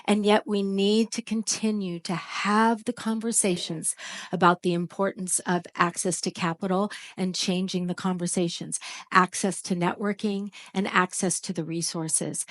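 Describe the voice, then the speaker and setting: Woman, corporate executive, panel talk, confident, emphatic. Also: medium pitch. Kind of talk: panel discussion.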